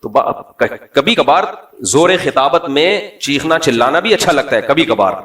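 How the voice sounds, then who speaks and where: A man's voice: on the high side, expressive, a bit bright, reverberant, far from the mic. A man preaching to a live audience in a conversational, lightly joking way, full of rhetorical questions. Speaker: Islamic preacher. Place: lecture hall with an audience.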